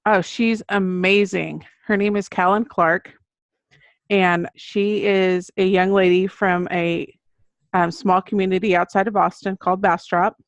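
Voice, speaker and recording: A children's book author from the United States guests on a podcast, her mid-range voice steady and her pace measured. She explains in an earnest, conversational manner, with no echo but a muffled, dull lo-fi sound.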